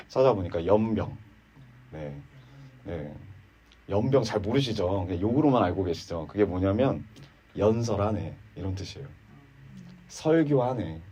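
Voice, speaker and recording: A man preaching a sermon in a church, swinging between emphatic high peaks and low quiet asides, mocking the people he quotes. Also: slightly rough. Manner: animated, rising to emphatic peaks then dropping low and quiet; voices quoted speakers in a mocking, sarcastic tone.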